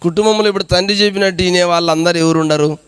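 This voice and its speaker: A man's voice: sits high, fairly even intonation, rapid-fire, a bit bright, smooth, no room sound. A man preaching a sermon as a pastor, exhorting the congregation with rhetorical questions. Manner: repetitive preaching cadence.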